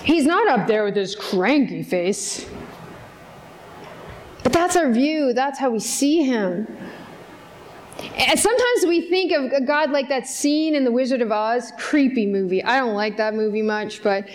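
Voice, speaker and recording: A woman's voice: high-pitched, moderate pace. A woman pastor preaching a sermon in an earnest, conversational way, often putting direct questions to the congregation. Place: church service in front of a congregation.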